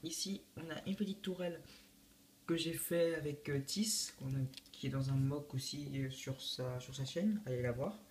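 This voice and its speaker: A teenage boy presenting his Lego build for his channel in a casual, halting way, often restarting his sentences. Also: fairly high pitch, darkish tone, a little hiss or hum. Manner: hesitant, many fillers and restarts. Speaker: YouTube host showing a Lego build. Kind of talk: casual video walkthrough.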